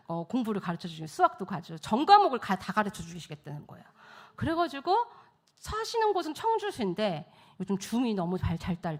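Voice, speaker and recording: Animated woman telling a church testimony. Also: fairly high pitch. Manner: animated storytelling, acting out quoted voices, laughing often. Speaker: missionary speaker at church revival. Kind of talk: testimony sermon.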